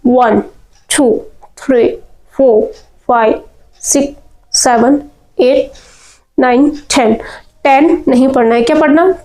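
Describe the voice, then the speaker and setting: A woman's voice: high-pitched, warm tone, poor audio. A woman teaching spoken English pronunciation, drilling words over and over and asking and answering her own questions.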